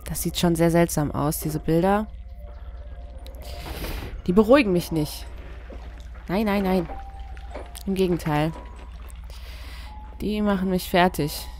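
A woman's voice: lowish voice, takes it slowly, pauses often, darkish tone, faint music behind. A young woman playing a horror game and commenting, often scared and pleading with the game. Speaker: let's play gamer.

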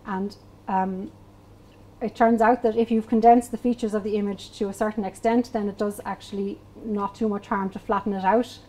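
Woman presenter, 30s, warm low-key tone, flat even delivery, steady explainer with fillers. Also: slight background noise, low-quality recording. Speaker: meetup speaker. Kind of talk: technical talk. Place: small event space with wooden walls.

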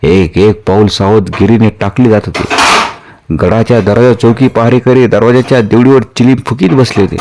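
A man's voice: lowish voice, fairly even intonation, moderate pace, background noise. A man reading a historical novel aloud as a storyteller, narrating dramatically and voicing the dialogue.

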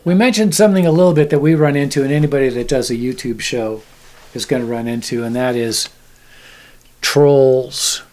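A man's voice: mid-range voice, normal speed, darkish tone. Man co-host, teasing and meandering. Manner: friendly, teasing, meandering questions. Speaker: show co-host. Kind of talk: casual interview questions. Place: kitchen at home, indoors. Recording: roomy kitchen, far mic, guitar behind.

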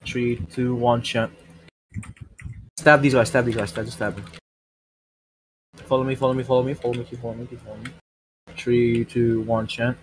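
A man's voice: medium pitch, little pitch movement, moderate pace, pauses often, a little hiss or hum, poor audio. A man leading a squad in gaming voice chat, barking repeated orders and swearing a lot. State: out of breath. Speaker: squad leader giving commands.

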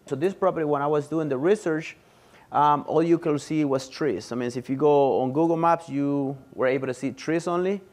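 A man's voice: a little high, normal speed, darkish tone. A man in his thirties from Honduras, giving a matter-of-fact presentation in a meeting room with a lapel mic. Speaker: student giving a testimonial. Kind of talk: presentation talk.

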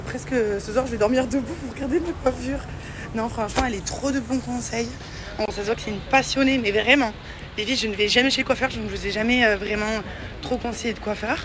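A woman's voice: a little high, noisy background. A young woman vlogger and mother chatting casually to camera, repeating words and using many fillers. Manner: chatty, repeats words, fillers, warm toward her daughter.

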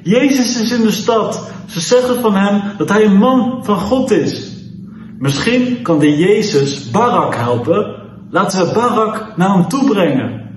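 A man's voice: high voice, sing-song, measured pace, slight background noise. A man voicing an eager young man who urgently pleads for his friend in a Bible story. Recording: echoey room.

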